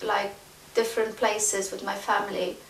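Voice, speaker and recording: A woman's voice: mid-range voice, flat delivery, normal speed, vocal fry. A woman in her forties from Afghanistan speaks as an interview guest, feeling for her words with frequent ums and restarts. She is picked up from some distance in a large, echoing room. A faint hiss runs under her voice. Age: 40s. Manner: hesitant, searching for words with many fillers. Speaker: interview guest, trainee documentary filmmaker. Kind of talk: casual interview chat.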